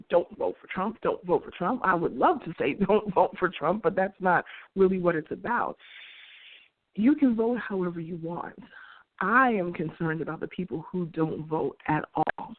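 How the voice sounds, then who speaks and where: Through dry, tinny, phone-like audio with no room sound comes a lowish female voice: a forties-aged host from New York delivering an earnest opinion monologue in a conversational style, with restarts and light laughter.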